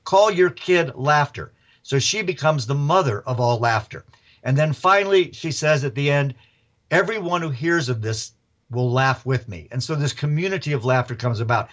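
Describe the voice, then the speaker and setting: A man, an author and professor, telling stories as a radio interview guest in a lively, chuckling way. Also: mid-range voice, normal speed, highs cut off.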